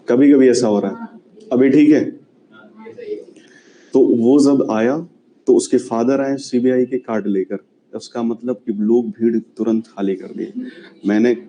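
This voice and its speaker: Male history teacher, very dark mellow tone, faint room noise behind, chatty classroom lecture style. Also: medium pitch, rough recording. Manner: chatty, asks students questions often.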